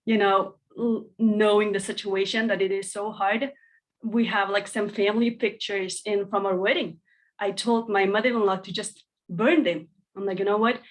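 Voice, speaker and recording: Young woman from afghanistan, mid-pitched, talking heartfelt and conversational on a call. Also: low-quality recording. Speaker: speaker at a community briefing. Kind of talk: personal testimony on a video call. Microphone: video call.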